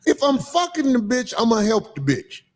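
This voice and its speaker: Male stream host, high voice, animated and profane, casual chat. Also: moderate pace, faint music behind. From Chicago, Illinois. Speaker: livestream host.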